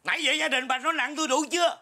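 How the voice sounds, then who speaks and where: A man's voice: very high-pitched, fairly even intonation, sharp tone, heavily acted. A man playing a teasing uncle prankster. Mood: defensive. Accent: Southern Vietnamese. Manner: gruff, scolding, drawn-out teasing. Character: teasing middle-aged uncle, deadpan prankster. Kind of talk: comedy skit acting. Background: music.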